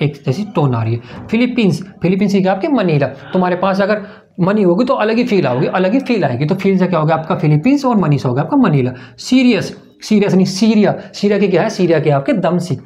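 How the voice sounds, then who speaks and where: High-voiced man quizzing himself in a lesson. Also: darkish tone, dull audio. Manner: sing-song quizzing, asks and answers himself. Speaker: exam-prep teacher. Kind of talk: mnemonic lesson to camera.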